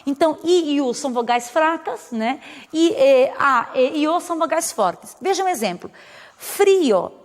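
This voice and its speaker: A woman's voice: high voice, expressive, a little slow, in a large hall. A woman teacher who speaks natively, explaining grammar rules patiently in a recorded video lesson and checking in with her students. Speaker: Spanish teacher.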